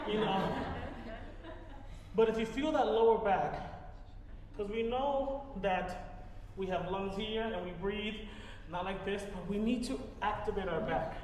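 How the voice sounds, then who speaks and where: A man with a high, tenor-like speaking voice coaches a singer live, giving encouraging, hands-on directions and singing short phrases to demonstrate. His voice carries through a roomy hall with a long echo, and faint music sits behind him. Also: a little mellow, slight background noise. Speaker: voice teacher leading a master class. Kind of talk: live coaching in a master class. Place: recital hall, live audience setting.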